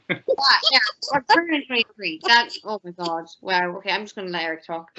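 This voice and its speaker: A woman's voice: medium pitch, very animated, a little fast, sharp tone, slight background noise. A young woman in her twenties introducing herself on a video call, giggly and self-mocking. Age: 20s. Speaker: operations coordinator. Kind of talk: casual chat. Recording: muffled video-call audio.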